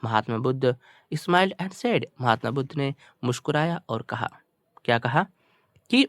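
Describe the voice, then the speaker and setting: An English teacher with an Indian accent gives a bilingual storytelling lesson, translating line by line and explaining phrase by phrase with repetition and checking questions. His voice is a little high, with a dry recording and clean studio sound.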